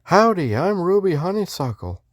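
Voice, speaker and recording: A man voicing a cheery, sweet young woman from Texas in a high falsetto with a put-on Western drawl, reading game lines. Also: big pitch swings, moderate pace, dry recording, clean studio sound. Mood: friendly. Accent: Texan Western drawl, put on. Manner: high falsetto, folksy and chirpy.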